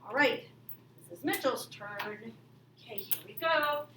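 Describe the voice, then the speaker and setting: A woman's voice: on the high side, lively intonation, a little slow, bright, forceful tone. A woman teacher talking to children like a kids show host, explaining step by step with exaggerated exclamations. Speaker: elementary math teacher demonstrating a game. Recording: echoey room, distant mic, faint noise.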